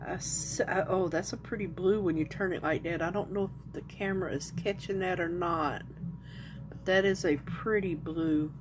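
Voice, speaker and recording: A woman's voice: on the low side, fairly even intonation, moderate pace, noisy background. A woman hosting a casual crafting vlog, chatting and thinking aloud as she shows her work. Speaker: resin crafter and channel host. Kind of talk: casual show-and-tell vlog.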